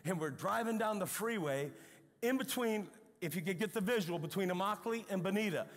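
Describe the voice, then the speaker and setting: Older male pastor, sermon, high voice, animated storytelling, long hall reverb. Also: brisk. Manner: animated storytelling with emphatic outbursts. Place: church sanctuary.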